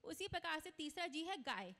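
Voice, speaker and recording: A woman's voice: high-pitched, sing-song, moderate pace, bright, forceful tone. A woman giving an earnest, instructive conference speech on astrology, mixing in English words. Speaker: astrology speaker. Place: conference hall. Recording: long reverb of a large hall.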